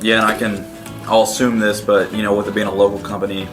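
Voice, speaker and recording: A man's voice: on the low side, little pitch movement, fast, over music. A man co-hosting a casual food review, plain-spoken as he explains what he thinks. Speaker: co-host of a snack review show.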